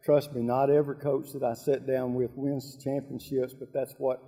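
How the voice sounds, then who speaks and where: Folksy American man hosting, mellow voice. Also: medium pitch, little pitch movement, moderate pace. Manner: folksy, addressing listeners directly. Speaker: host of a local high school sports show. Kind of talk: conversational sports talk show hosting.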